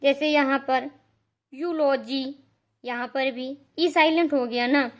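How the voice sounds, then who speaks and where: A woman teaching English pronunciation rules, explaining slowly and patiently, repeating each rule and spelling out example words. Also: sits high, fairly even intonation. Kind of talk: slow classroom-style explanation.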